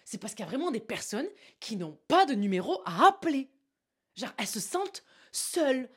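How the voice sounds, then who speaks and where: Young adult woman, slightly high pitch, casual motivational monologue to camera, animated and direct. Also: moderate pace, breathy edge. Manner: emphatic, animated, addresses the listener with frequent "tu vois". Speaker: motivational vlogger.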